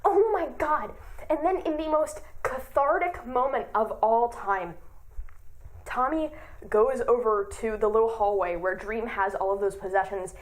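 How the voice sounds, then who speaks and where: A young woman casually retelling a story for her channel, excitable, often laughing and gasping, with lots of "like". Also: fairly high pitch, a little slow. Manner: excitable, laughs and gasps often, says "like" a lot. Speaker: YouTuber.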